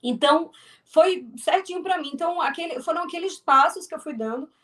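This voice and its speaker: In a casual interview, a woman with a strong Northeast Brazilian accent talks about her work as a filmmaker and actress. Her voice is high and a bit bright, her pace a little fast, and she keeps restarting her sentences.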